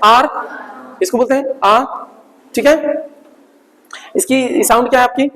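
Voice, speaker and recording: A man's voice: very high voice, a little slow, in a large hall, crowd noise, rough recording. A man teaching a live English class, drilling letter sounds over and over in a playful, teasing way. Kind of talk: live online grammar class.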